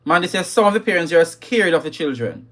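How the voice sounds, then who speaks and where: A man's voice: a little high, sing-song, a little fast, fairly bright tone. A man hosting a live talk on parenting, emphatic and scolding, repeating his key lines and reading viewer comments. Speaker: livestream host.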